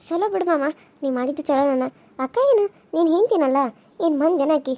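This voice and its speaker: Woman voicing a coaxing high-pitched village girl. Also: brisk, dark tone, close to an everyday voice. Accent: North Karnataka Kannada. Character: young village woman, the wife's sister, soothing. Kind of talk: cartoon serial voice acting.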